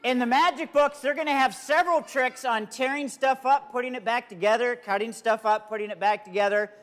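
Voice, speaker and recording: A man's voice: very high-pitched, fairly even intonation, a little fast, a bit bright, a faint crowd. Playful man, a kids' stage magician. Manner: playful, coaxing showman addressing small children in simple phrases. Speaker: children's comedy magician. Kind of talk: live stage show patter for kids, talking to volunteers and audience.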